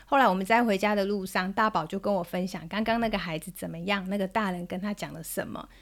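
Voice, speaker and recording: A woman in her thirties with a Taiwanese Mandarin accent, hosting a parenting podcast and telling a story about her child in a gentle manner. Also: mid-range voice, fast talker. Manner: gentle, soothing when quoting herself to her child. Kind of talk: storytelling monologue.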